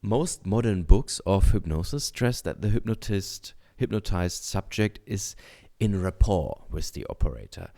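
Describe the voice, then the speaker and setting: A man reading a book aloud in a deliberate, measured way, adding short comments as a teacher. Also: low voice, lively intonation, gravelly, dark tone. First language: German.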